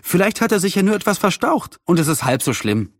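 A man voicing a busy, motherly middle-aged aunt in a storybook reading, brisk and a little scolding. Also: high-pitched, very animated, no room sound, studio quality, voice pushed up, heavily acted.

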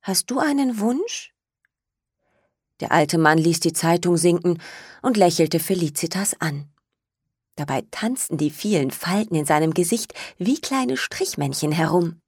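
A woman with a low, husky voice reads a children's story slowly and expressively. The recording is dry and close, with no room sound. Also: no room sound. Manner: slow, expressive. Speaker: narrator. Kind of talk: storybook reading.

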